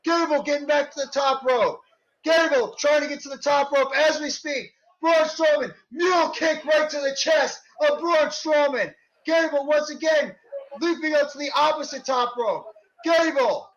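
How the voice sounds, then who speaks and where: A man working as a wrestling commentator, calling live play-by-play in an excited, exclaiming manner over a stream. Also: extremely high pitch, moderate pace. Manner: excited, exclaiming, shouting at big moves. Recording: dull lo-fi online stream audio.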